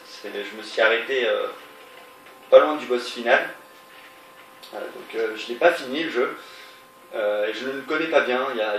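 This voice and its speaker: Congested from a cold, a man gives casual let's-play commentary on the game he's playing, rambling and hesitant with many fillers and restarts. His voice is mid-range, with slight background noise. Game music plays behind a roomy recording made on a distant mic.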